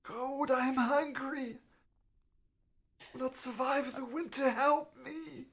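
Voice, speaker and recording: Give this role to a high, feeble elderly woman. She is starving and desperate, begging in slow, halting phrases. It is a tabletop game character, weak and pitiful. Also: fairly even intonation, exaggerated voice. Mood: desperate pleading. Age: older. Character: frail, starving, desperate old woman pleading for help.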